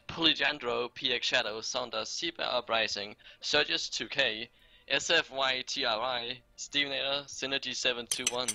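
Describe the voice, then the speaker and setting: A man's voice: mid-range voice, sharp tone, no room sound, poor audio. A man co-hosting a livestream, laid-back and joking as he reads off a list of viewer names. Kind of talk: casual livestream chat, reading a list of names.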